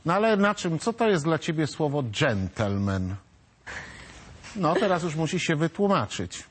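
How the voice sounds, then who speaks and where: A woman's voice: deep voice, sing-song, moderate pace, slight background noise. A woman presenter interviewing schoolchildren with friendly, coaxing questions. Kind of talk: interviewing pupils.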